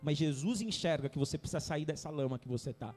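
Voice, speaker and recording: A man's voice: fairly high pitch, quick pace, darkish tone, big-room sound, soft background music. A man pastor preaching a fervent sermon in a church, mixing scripture with joking asides.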